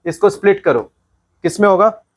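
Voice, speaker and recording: A man's voice: sits high, expressive, moderate pace. A man leads a maths class in a classroom. He is playful, fires questions at the students and mixes Hindi with English as he teaches. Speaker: maths session facilitator.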